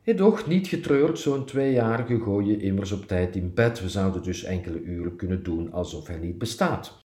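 Man, very low voice, dark mellow tone, dry self-mocking column reading, roomy echo. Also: lively intonation, moderate pace. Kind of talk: reading a personal column aloud.

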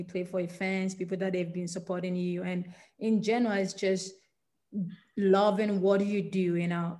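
This podcast guest is a professional footballer from Ghana, a woman in her twenties whose accent mixes Ghanaian with American English. She speaks on the low side with a slightly mellow quality, answering earnestly amid many fillers and restarts.

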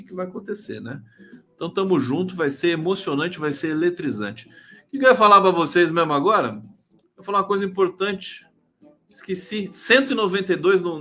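Chatty live stream host, rather high voice. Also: male voice, a bit bright. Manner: chatty, rambling, constant "né?" tags, reads out viewer comments. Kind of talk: casual political commentary on a live stream.

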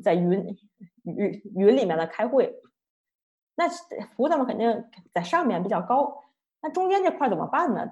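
Chatty woman lecturer. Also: fairly high pitch. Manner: lively, chatty, with laughs. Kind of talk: storytelling lecture. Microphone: online talk, computer mic.

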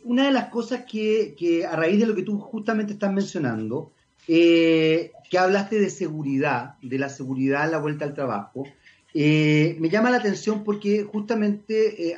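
A man's voice: fairly high pitch, moderate pace, darkish tone, lo-fi sound. A Chilean man hosting a casual radio interview, chatty and self-mocking, talking at length. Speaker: radio host.

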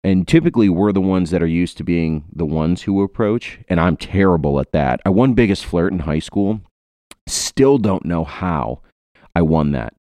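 A man's voice: low-pitched, animated, moderate pace, dark tone, no room sound. A man in his twenties from Ohio, hosting a podcast in a rambling, joking way with many fillers. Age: 20s. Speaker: podcast host. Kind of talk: casual podcast chat.

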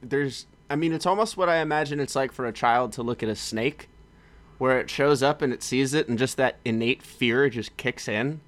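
Animated young man telling stories. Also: mid-range voice, normal speed. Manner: animated storyteller, acts out quotes. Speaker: podcast co-host, former college football player. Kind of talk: casual chat.

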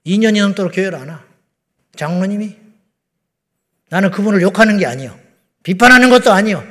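A middle-aged man preaches with a notably high voice, talking bluntly and conversationally as he keeps throwing rhetorical questions at the congregation. His words ring out with the long reverb of a big church sanctuary, and he often sinks into low, hushed asides. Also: expressive, brisk. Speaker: pastor. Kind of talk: sermon.

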